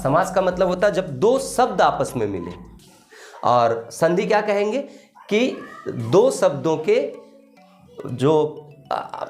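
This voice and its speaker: A man teaching a grammar lesson, explaining step by step and checking in with the class after each point. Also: on the high side. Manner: explains slowly, repeats a confirming tag often. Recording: echoey room, faint music.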